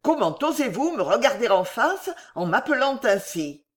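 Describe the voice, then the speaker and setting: A woman voicing a pompous, furious male newspaper editor in an audiobook, shouting with indignation and then forcing herself to sound calm. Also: on the high side, normal speed, voice pushed up. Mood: indignant. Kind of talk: audiobook character voice.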